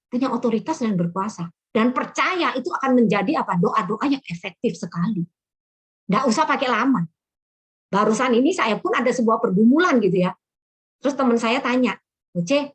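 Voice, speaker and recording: Middle-aged woman preacher, husky and fairly high, storytelling testimony. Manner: storytelling with chuckles and acted quotes. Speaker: prayer minister. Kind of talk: sermon testimony.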